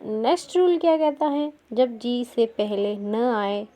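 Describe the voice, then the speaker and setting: A woman explains pronunciation rules at a slow, careful pace. Her voice is fairly high yet mellow and warm. She keeps asking questions and answering them herself. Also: expressive. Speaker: teacher. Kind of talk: Hindi-language English pronunciation lesson.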